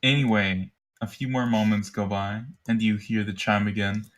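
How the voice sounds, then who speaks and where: A man's voice: lowish voice, fairly even intonation, normal speed. A man narrating a tabletop game as game master over a voice call, loose and rambling with lots of fillers.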